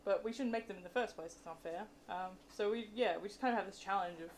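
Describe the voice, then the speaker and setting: Fielding questions at a live talk before an audience, a female guest science speaker explains things casually and candidly, frank about the limits of what she knows. Her voice is mid-range and she speaks quickly. It's a noisy recording from the presentation room.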